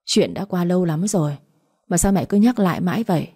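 A woman's voice: on the low side, a little fast, mellow, breathy edge. A woman voicing a young adult daughter who pleads with her mother. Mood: pleading.

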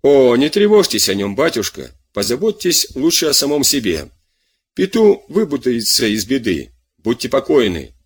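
Frightened young daughter read by a man, higher, pleading. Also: very animated, normal speed, slightly rough.

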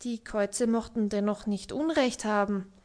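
A woman's voice: medium pitch, normal speed, a little mellow, lightly acted. A woman reading the part of an ironic, melancholy young baron in an audiobook, with a dry, subdued way of talking.

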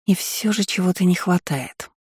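Encouraging young woman friend as a man reads her, brisk, mellow, dry audiobook voice. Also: high voice, breathy edge, no room sound, pitched above the performer's own voice.

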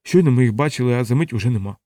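A man's voice: medium pitch, expressive, very fast, dark tone, no room sound, lightly acted. A man voicing a frightened, sullen male hunter with a whining, raised voice. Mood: shaken.

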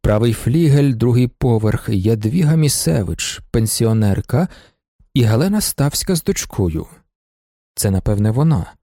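A man's voice: medium pitch, expressive, unhurried, dark tone, no room sound, voice pushed down. Man doing a dry, muttering merchant. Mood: musing. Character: reserved middle-aged merchant, dry, musing to himself.

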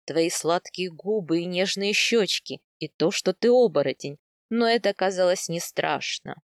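A woman reads a storybook part as a playful young husband, his voice pulled low and eager. He teases and pleads by turns in a close, dry sound with no room echo. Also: moderate pace, natural voice. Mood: teasing. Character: playful, teasing young husband, a steppe man.

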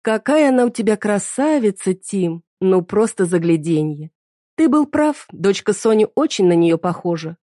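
A woman's voice: medium pitch, lively intonation, normal speed, mellow, no echo, clean studio sound, pitched above the performer's own voice, natural voice. A woman voicing a sly mistress who mockingly gushes to provoke the family. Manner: mocking, gushing.

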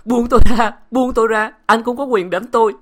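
Guy doing a young wife pleading high and tearful, voice swinging all over, storybook reading. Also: very animated, fairly quick. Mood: sobbing.

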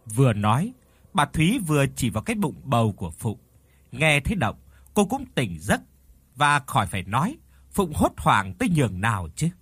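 A man's voice: medium pitch, wildly swooping pitch, moderate pace, a bit bright, breathy edge, no echo. A man narrating a horror audiobook expressively, voicing the characters as he reads. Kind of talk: dramatic horror story narration.

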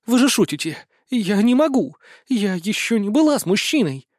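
Man putting on a shrill frightened young maid. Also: sing-song, fairly quick, no room sound, studio quality. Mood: terrified. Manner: pleading, shrill when frightened. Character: timid young maid, a woman, panicky.

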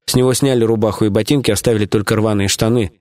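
A man narrating an audiobook in a steady, even storytelling manner. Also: lowish voice, racing. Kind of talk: scripted narration.

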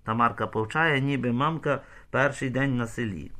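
A man narrating an audiobook in an expressive storytelling manner. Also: medium pitch, moderate pace. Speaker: audiobook reader. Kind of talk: scripted narration.

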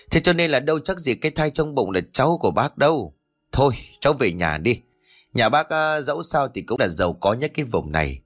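A man's voice: mid-range voice, fairly bright tone. A man voicing a rich, scheming old village patriarch who sneers smugly. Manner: sneering, smug.

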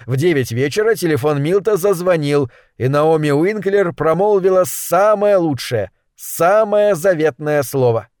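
A man narrating a short story in a measured, even storytelling manner. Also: on the high side, no room sound, studio quality. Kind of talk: audiobook story reading.

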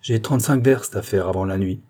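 A man reading the part of a calm, resolute young nobleman in a novel, measured and steady. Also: fairly low pitch, breathy edge. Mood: concerned.

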